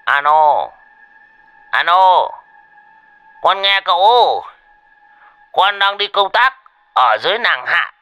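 Dude voicing a wheedling old village guy, scaredy and cheeky, jumps up high when excited. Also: slow pace, long pauses, clear, resonant tone, no room sound, lo-fi sound, full character voice. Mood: eager. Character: old village man, cowardly, cheeky and jokey.

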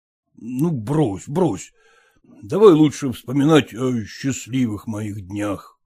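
A man voicing a weary, sentimental aging gentleman who pleads softly and draws out his words, for an audiobook. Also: mid-range voice, lively intonation, slightly rough. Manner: soft, mournful, drawn-out pleading. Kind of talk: audiobook character voice.

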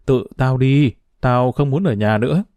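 A withdrawn runaway boy who answers slowly and sparingly, as a male reader puts him on. The voice sits in a plain middle pitch on a dry, close mic. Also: a little mellow, dry recording, lightly acted. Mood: hesitant. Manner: hesitant, subdued. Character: quiet hesitant runaway boy.

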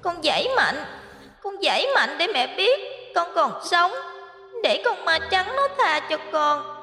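A woman voicing a mutilated ghost baby who sobs and pleads in a high childlike voice. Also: sing-song, a little slow, bright, forceful tone, echoey room, big-room sound, faint music behind, exaggerated voice. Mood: pleading. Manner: wailing, sobbing, high childlike voice. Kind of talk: horror audiobook reading.

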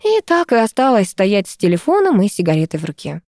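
Mellow woman narrating a first-person audiobook. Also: mid-range voice, huge pitch swings, fairly quick, no echo, studio quality.

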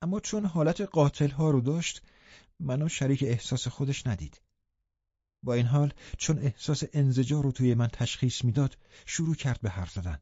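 A man narrating an audiobook in a sombre, measured way. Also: medium pitch, animated, dark tone, slightly rough, no room sound. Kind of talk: scripted narration. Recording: muffled lo-fi recording.

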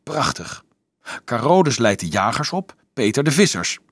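A man's voice: mid-range voice, sing-song, moderate pace, breathy edge, no echo, clean studio sound. A man voicing a resolute teenage boy leader who lays out plans firmly in an audiobook. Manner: firm, explaining, sometimes angry.

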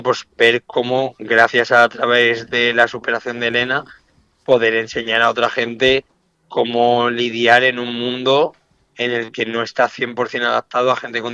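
A man's voice: mid-range voice, sharp tone, dry recording. A man speaking as an interview guest, earnest and rambling with restarts. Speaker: audiovisual collaborator, guest on the phone. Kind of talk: casual interview talk.

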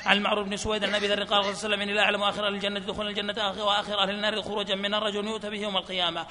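Fast high-voiced man reciting hadith. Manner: reads fast in a flat chant, laughs softly at times. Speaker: hadith reader. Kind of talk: rapid recitation of hadith chains. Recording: reverberant hall with faint noise.

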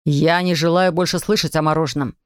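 A woman reading aloud and voicing a stern, exasperated middle-aged father who shouts at his neighbor and son. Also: low-pitched, steady tone, fairly quick, no room sound, clean studio sound, voice pushed down, natural voice. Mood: angry. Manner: gruff, shouting, irritated.

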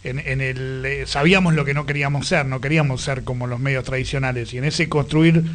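An Argentine man hosting a conversational radio interview, with informal, halting phrasing. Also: medium pitch, steady tone, a little hiss or hum. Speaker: radio host.

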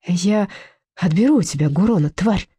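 A woman reading a storybook aloud, voicing a bold, sharp-tongued woman who stands up for her dog. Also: on the low side, animated, moderate pace, husky, no echo. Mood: defiant.

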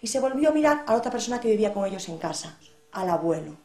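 A woman from Portugal telling a folk tale aloud in a lively, dramatic way. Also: medium pitch, fast talker. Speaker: storyteller. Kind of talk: oral storytelling. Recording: echoey room.

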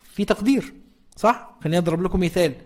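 A man's voice: high voice, fast. A man with an Egyptian accent giving a conversational Quran lesson and checking in with his listeners through rhetorical questions. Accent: Egyptian Arabic. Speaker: religious teacher.

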